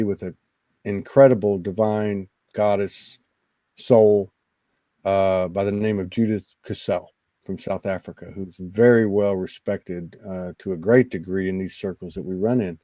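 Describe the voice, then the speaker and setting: A man, a guest on a spiritual talk show, telling a personal story in an earnest, emotional, halting way. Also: fairly low pitch, dark tone, no echo, rough recording. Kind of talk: personal storytelling in casual conversation.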